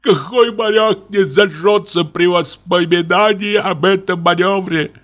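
A man voicing a deaf, pompous old retired navy captain who talks in a booming, declamatory way. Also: a bit bright.

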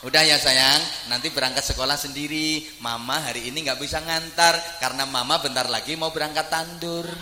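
A man's voice: on the high side, fairly even intonation, brisk, few pauses, sharp tone, a little hiss or hum, pitched below the performer's own voice. A man voicing a young village mother who coaxes and fusses over her small child, in an echoey hall. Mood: doting. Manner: coaxing, doting. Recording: echoey hall with long reverb.

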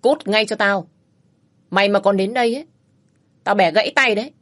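A woman's voice: mid-range voice, moderate pace, close to an everyday voice. A woman voicing a cool, aloof man who speaks curtly and mockingly in a spoken audio story. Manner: calm, dry, curt, mocking.

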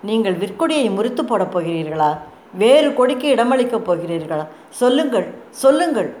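A woman voicing a fierce elderly woman oracle, impassioned and rising to shouts, in an echoey room. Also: on the high side, big pitch swings, a little fast. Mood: fierce rebuke. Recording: echoey room, faint noise.

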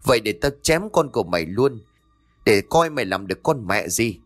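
A man's voice: on the low side, animated, fairly quick, faint music behind. A man voicing a cruel, hot-tempered male neighbor who snarls threats, in a spoken ghost story. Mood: menacing.

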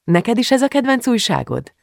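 A man voicing a chatty adult woman librarian in an audiobook, with a raised, lively voice. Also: very high-pitched, gravelly, no room sound, studio quality, voice pushed up, heavily acted.

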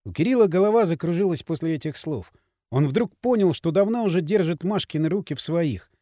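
A man reading an audiobook in an expressive narration style. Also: dry recording, clean studio sound. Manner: expressive reading with quick pitch swings. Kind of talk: scripted narration.

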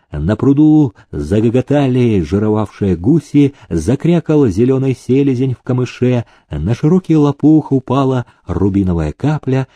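A man narrating a storybook in a measured, expressive reading. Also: mid-range voice, dry recording. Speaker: audiobook narrator.

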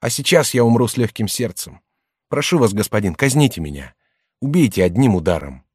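A man's voice: lowish voice, lively intonation, a little fast, darkish tone, slightly rough, no echo, studio quality. A man reading an audiobook and voicing a young male servant who is tearful and wrongly accused, pleading in a strained, raised voice. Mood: resigned.

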